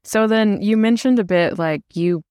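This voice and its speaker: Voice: mid-range voice, moderate pace, darkish tone, smooth, no echo, studio quality. A podcast host in casual conversation, asking questions and laughing often.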